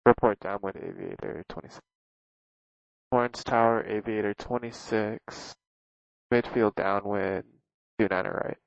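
A man's voice: on the low side, steady tone, measured pace, vocal fry, long pauses, dry recording. A man speaking as a pilot over the aircraft radio, giving terse, clipped readbacks in radio phraseology. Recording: dull lo-fi radio transmission.

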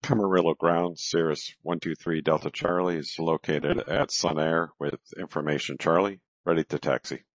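A man's voice: very deep voice, fairly even intonation, moderate pace, few pauses, no room sound. A man talking as a pilot over a cockpit headset radio, making clipped, methodical radio calls and readbacks with small hesitations. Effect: pilot transmitting over a cockpit headset radio. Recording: dull, dry radio transmission.

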